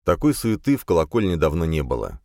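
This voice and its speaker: A man narrating a fantasy novel in an expressive storytelling way. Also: low-pitched, quick pace, dry recording, clean studio sound. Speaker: audiobook narrator.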